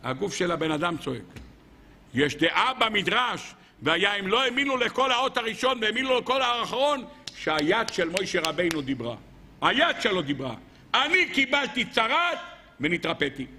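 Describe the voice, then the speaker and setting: Rabbi giving a Torah lesson, man with a high, sharp voice, lively and questioning. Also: slight background noise. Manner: animated, rhetorical questioning.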